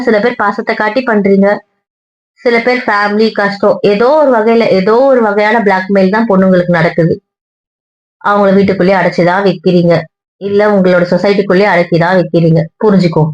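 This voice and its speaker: A woman argues with her partner in a hurt, tired, lecturing tone, at a middle pitch. The recording sounds dull and lo-fi. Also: fairly even intonation, a little fast. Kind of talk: couple's argument vlog.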